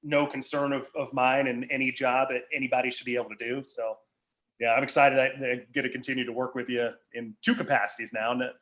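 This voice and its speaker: A man hosting a podcast, talking in relaxed casual chat with fillers and restarts. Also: medium pitch, a little fast. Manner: relaxed, rambling, filler-heavy wrap-up. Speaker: podcast host.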